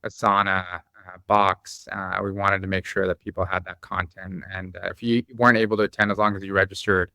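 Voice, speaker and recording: Man, founder guest, from the Bosnia and Croatia area; forceful, bright tone, slightly low. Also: little pitch movement, fairly quick, smooth, dry recording. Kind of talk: conversational interview.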